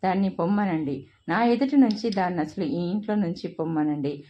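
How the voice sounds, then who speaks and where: A woman's voice: medium pitch, animated, normal speed, muffled recording, lightly acted. A woman voicing a furious, bitter middle-aged mother who scolds shrilly in a read-aloud family story.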